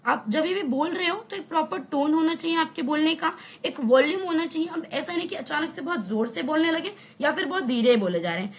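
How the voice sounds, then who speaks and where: Young female tutor, high voice, casual and conversational online lesson. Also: slight background noise. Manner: chatty, explains with everyday examples and rhetorical questions. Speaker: teacher.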